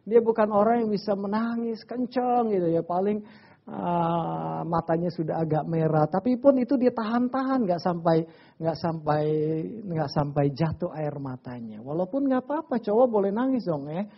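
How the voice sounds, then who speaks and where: A man preaching a lively sermon, telling stories and joking with his congregation, swinging from quiet asides to loud emphatic bursts. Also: high-pitched, normal speed. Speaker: pastor. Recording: slightly dull lo-fi church recording.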